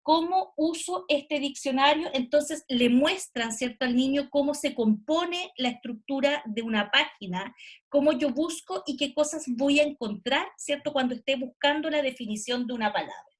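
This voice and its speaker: High-voiced woman teaching online. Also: normal speed. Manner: explanatory, frequent "¿cierto?" check-ins. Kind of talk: online class explanation. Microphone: video call.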